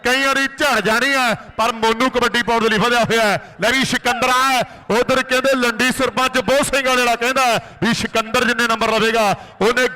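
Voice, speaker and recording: High forceful man, frantic rural kabaddi commentary, Punjabi. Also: rough recording. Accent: Punjabi from Indian Punjab's Malwa region. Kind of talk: live rural sports commentary.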